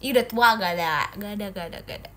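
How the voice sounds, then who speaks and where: A woman's voice: medium pitch, rapid-fire, a bit bright. A young woman from Indonesia chatting casually on a phone livestream, answering viewer comments in a playful, giggly way.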